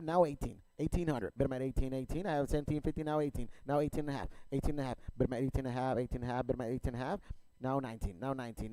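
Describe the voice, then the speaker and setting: Fast-talking male auctioneer, relaxed dark tone. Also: mid-range voice, no room sound, rough recording. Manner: repetitive chanting of numbers and stock phrases. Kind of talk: rapid-fire auctioneer bid calling.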